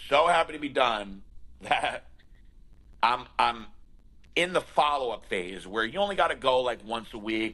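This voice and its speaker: Brief: male podcast guest, bright, forceful voice, animated and candid storytelling. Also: medium pitch, rough recording. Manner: animated, candid, with frequent restarts. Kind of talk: casual storytelling.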